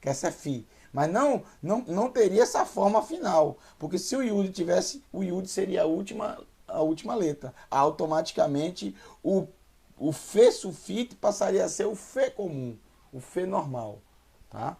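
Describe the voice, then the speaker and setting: A man leads a Hebrew reading lesson, patiently sounding out each syllable and drilling words by repetition. His voice is gravelly and a little husky, pitched slightly high for a man, and he talks at a slow, unhurried pace. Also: lively intonation, darkish tone. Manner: patient, repeats syllables slowly and drills pronunciation. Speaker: Hebrew teacher. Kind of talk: online language lesson.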